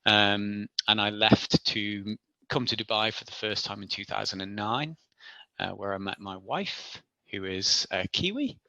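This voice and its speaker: A man's voice: fairly low pitch, unhurried, gravelly, bright, forceful tone, no room sound, lo-fi sound. A man, a podcast guest telling his story in a chatty, self-deprecating way with frequent laughs. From Isle of Man. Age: 40s. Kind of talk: casual interview storytelling.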